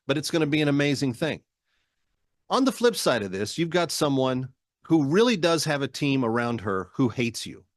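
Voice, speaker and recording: Emphatic American talk radio host, close dry sound. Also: male voice, a little high, no room sound. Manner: emphatic, repeats phrases for effect, short punchy statements. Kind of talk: political monologue and promotional appeals.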